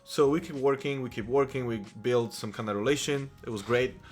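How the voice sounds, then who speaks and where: A man's voice: mid-range voice, fairly quick. A man in his thirties from Poland with a Polish accent, telling his life story to camera in a chatty, rambling way with many restarts. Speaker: vlogger. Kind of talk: casual personal storytelling to camera.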